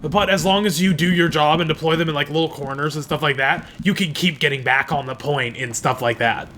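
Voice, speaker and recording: A man's voice: on the high side, brisk, sharp tone, slight background noise. A man co-hosting a casual gaming podcast, thinking aloud with lots of fillers and frequent laughter. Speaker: podcast co-host.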